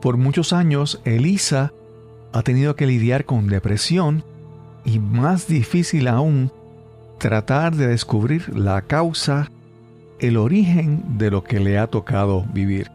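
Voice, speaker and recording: A male podcast host speaking at a mid-range pitch, measured and deliberate as he sets up the conversation. Soft music sits faintly behind his voice. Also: expressive. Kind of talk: podcast interview.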